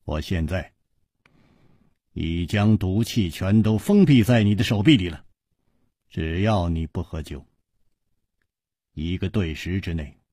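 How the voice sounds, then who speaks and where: A man voicing a calm, grave, courteous hero in a radio storytelling broadcast, with a husky voice and slow, formal speech. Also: sits low, no echo, studio quality.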